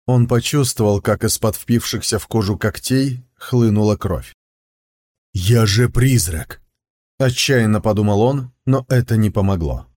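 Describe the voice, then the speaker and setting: Steady male audiobook narrator. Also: on the low side, normal speed, hardly any pauses. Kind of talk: scripted narration.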